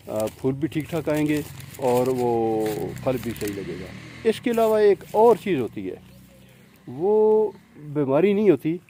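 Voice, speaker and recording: A man with a deep, dark and mellow voice walks through a casual gardening lesson. He explains patiently, with frequent fillers, while pointing at his plants. He moves nearer to and farther from the camera mic as he shows them. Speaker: home gardening presenter.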